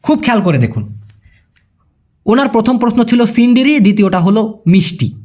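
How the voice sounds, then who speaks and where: A man's voice: sits high, sing-song, normal speed, darkish tone, slightly rough. A young Bangladeshi man giving a casual video lesson, chatty, calling viewers brother and checking that they follow. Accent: Bangladeshi Bengali. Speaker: language teacher.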